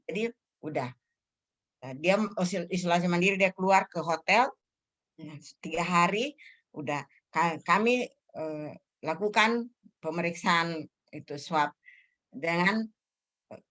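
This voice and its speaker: A woman's voice: on the low side, a bit bright. A middle-aged woman sharing a personal church testimony in a casual, emotional way, full of fillers and restarts. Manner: emotional, rambling with frequent fillers and self-corrections.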